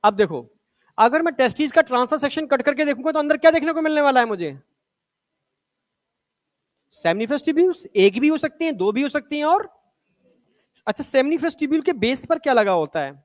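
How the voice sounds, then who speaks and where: A man's voice: very high voice, animated, brisk, pauses often. Male teacher. Coaxing classroom lecture where he quizzes the students. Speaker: biology teacher.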